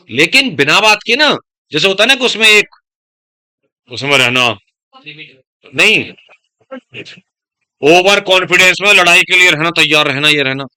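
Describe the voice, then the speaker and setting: A male teacher lecturing a classroom of students, his heavy voice easily mistaken for scolding. His tone is sharp and forceful and sits fairly high for a man. The sound is close and dry. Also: dry recording. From Uttar Pradesh, India. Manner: speaks of his own heavy, stern-sounding voice; addresses students as beta, digresses into life advice. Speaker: biology teacher.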